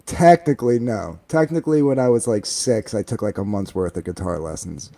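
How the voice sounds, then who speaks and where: A man in his forties, a guest in a casual chat, telling long stories in a rambling, animated way full of fillers. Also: fairly low pitch, brisk.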